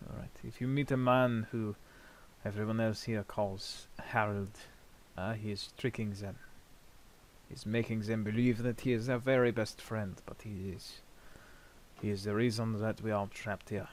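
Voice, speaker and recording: A man playing a helpful, apologetic gravedigger spirit in a tabletop game, speaking politely and formally with hesitant pauses. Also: fairly low pitch, steady tone, a little hiss or hum, natural voice, rough recording. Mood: courteous, cautioning. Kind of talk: improvised tabletop role-play.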